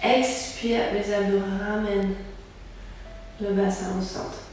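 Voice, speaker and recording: A woman's voice: medium pitch, slow pace, distant mic, slight background noise. Woman cueing Pilates in an echoey studio. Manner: calm step-by-step cueing of breath and movement. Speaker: Pilates instructor. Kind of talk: guided exercise class. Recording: very echoey room, voice from afar.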